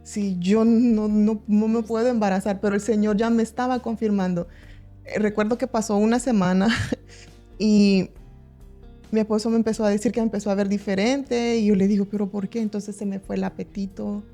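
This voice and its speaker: A young woman telling her personal faith testimony on a church podcast, earnest and halting, often restarting her sentences. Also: medium pitch, fairly even intonation, dark tone, soft background music. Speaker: church member giving testimony.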